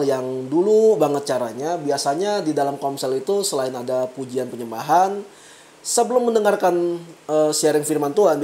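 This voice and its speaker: A woman vlogger telling a story in a casual, slangy monologue, dropping to low asides and rising into emphatic bursts. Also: mellow. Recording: echoey room.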